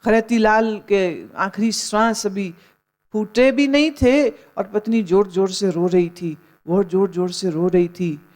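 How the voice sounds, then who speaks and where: A woman's voice: mid-range voice, slow pace, a little mellow. Woman spiritual teacher telling a story. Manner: storytelling, mixes in English phrases. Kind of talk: sermon with stories.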